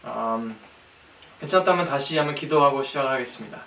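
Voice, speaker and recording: A young man preaches from prepared notes in halting, hesitant speech with frequent pauses. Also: medium pitch, bright, forceful tone. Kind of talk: sermon, reading from prepared notes. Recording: echoey room, distant mic, faint noise.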